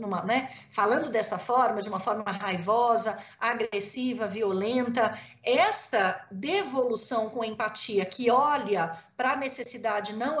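Brazilian woman lecturing, echoey room. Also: a little high. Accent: Brazilian Portuguese. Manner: didactic, often tags phrases with "né?". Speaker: lawyer and teacher giving a lecture.

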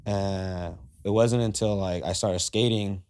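A man's voice: low voice, steady tone, a little slow, a little mellow, clear, resonant tone. A young man from Southern California, a skateboarder guest, telling casual stories and acting out quoted dialogue with animation, talking into a podcast mic in a garage studio. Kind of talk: casual storytelling. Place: cluttered garage studio, indoors. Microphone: podcast mic on boom arm.

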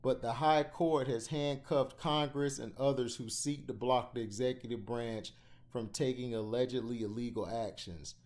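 Man reading a news piece aloud. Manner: stumbles and corrects himself while reading; gets louder and higher when he starts giving his own opinion. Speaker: channel host reading news. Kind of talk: reading a news article aloud, then ranting.

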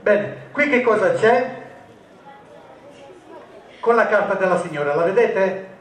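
A man's voice: high voice, animated, takes it slowly. A man performing as a stage magician, giving jokey, teasing patter to volunteers in a live comic magic show. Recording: echoey, distant stage recording.

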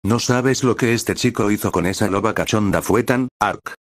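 A whiny, lustful male spirit, voiced by a man in a fan story. The voice is low and dry. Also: moderate pace, dry recording, lightly acted. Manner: complaining.

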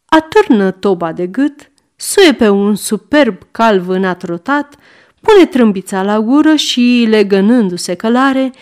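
A woman narrates a classic short story for an audiobook. Her reading is measured and expressive, and her voice sits a little high.

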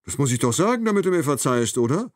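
A man's voice: on the high side, very animated, fast talker, dry recording, clean studio sound, voice pushed up. A man reading an audiobook, voicing a cold, mocking male killer who taunts his captive with sarcasm.

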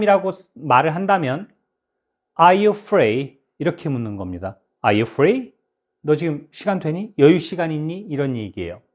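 A man teaching a spoken English lesson, his voice a little higher than most men's and rising and falling with lively energy. He says each English example slowly and carefully, and he stumbles over his words and restarts now and then.

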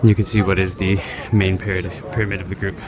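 A travel editor narrating a vlog outdoors at ancient ruins, chatty with many fillers, recording on a handheld camera. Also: male voice, deep voice, level tone, quick pace. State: out of breath while climbing. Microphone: handheld camera while climbing. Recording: outdoor crowd noise behind.

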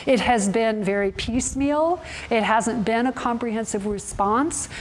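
A middle-aged woman interviewed outdoors as an advocate, explaining in an articulate, steady way. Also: a little high, a little slow, a little hiss or hum, poor audio. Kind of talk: news interview. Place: outdoors by a street.

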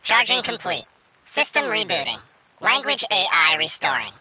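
A woman voicing a mechanical penguin robot that talks in flat system announcements as it boots back up, in a video game cutscene. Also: medium pitch, normal speed, noisy background, lightly acted. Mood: robotic, booting.

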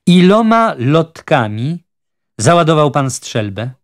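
A man's voice: on the high side, very animated, slow pace, pitched above the performer's own voice. A man voicing a firm, proud young hunter. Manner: firm but polite, curt.

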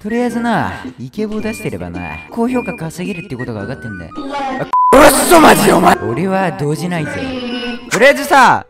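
A hoarse man doing loud, rowdy horror game commentary, shouting insults at the game. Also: high-pitched, huge pitch swings, fast talker, music in the background. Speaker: game streamer.

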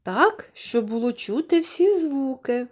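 Slow sing-song woman teacher. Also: high voice, expressive. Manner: sing-song, drawn-out words, questions to the children. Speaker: kindergarten teacher. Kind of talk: slow, clearly enunciated lesson for young children.

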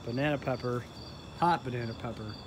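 A man's voice: mid-range voice, brisk. A man chatting casually outdoors from off camera, giving terse instructions and short remarks. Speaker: off-camera helper in a challenge video. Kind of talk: casual chat. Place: outdoors in a backyard. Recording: noisy outdoor audio, off-camera voice. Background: crickets and outdoor ambience.

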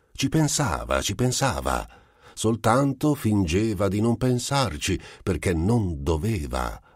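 A man narrates a literary audiobook in an extremely deep voice. His phrasing is measured and expressive, slowing to weigh the words. The recording is dry and close. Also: slightly rough, dry recording.

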